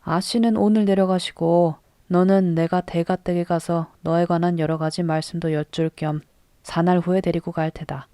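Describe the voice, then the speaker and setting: A woman's voice: fairly low pitch, flat delivery, moderate pace, mellow, clean tone, dry recording, studio quality, close to an everyday voice. A woman reading the part of a strict older male Buddhist abbot who lectures a young novice. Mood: stern. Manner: strict, admonishing.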